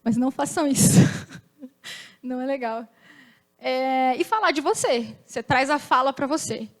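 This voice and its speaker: High-voiced, lively woman giving a talk. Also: measured pace. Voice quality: loud voice. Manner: lively, chatty, acts out little dialogues. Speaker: speaker at a company talk event. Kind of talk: informal conference talk.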